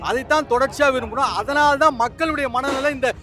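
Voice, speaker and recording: A man's voice: very high voice, fairly even intonation, fast talker, music in the background. A man giving argumentative political commentary, firing off indignant rhetorical questions.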